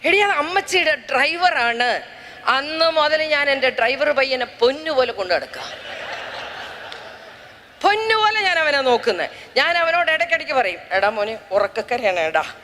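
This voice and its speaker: An older woman with a high, bright voice tells funny family stories to a class, acting out the people she quotes. Her voice rings in a hall with a long reverb. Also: normal speed, a little hiss or hum. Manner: lively, joking, acts out quoted voices. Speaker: public speaker giving a class. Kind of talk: humorous storytelling talk.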